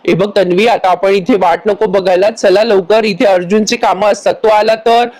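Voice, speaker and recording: A woman's voice: medium pitch, steady tone, normal speed, darkish tone, close to an everyday voice. A fussy, scheming middle-aged mother who talks sweetly, read by a woman narrator in a voice-over serial recap. The reader's own voice carries it with little change. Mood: fussing.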